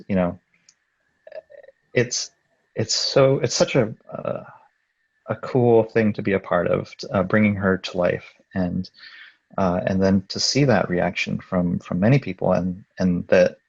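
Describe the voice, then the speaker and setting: A soft-spoken man with a low, gravelly, husky voice answers haltingly, with many pauses and fillers. The audio is muffled and dry. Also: dry recording. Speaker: supervising animator. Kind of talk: panel answer.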